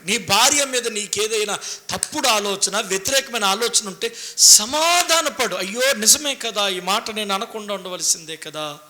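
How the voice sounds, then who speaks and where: A male preacher with a lilt delivers a sermon in a high, cutting, very bright voice. He hammers his points with repeated phrases. Then he drops into hushed asides before rising again. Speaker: pastor.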